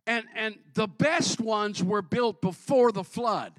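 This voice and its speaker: A man preaching a sermon to his congregation, joking with them and building up to shouts. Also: sits high, slow pace, no room sound, studio quality, faint music behind. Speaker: pastor.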